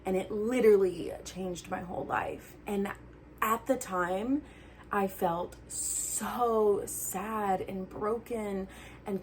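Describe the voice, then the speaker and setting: A young adult woman talking casually to camera like a friend, earnest and animated, sometimes dropping into soft asides. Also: mid-range voice, slight background noise. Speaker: vlogger giving breakup advice. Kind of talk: casual heart-to-heart chat to camera.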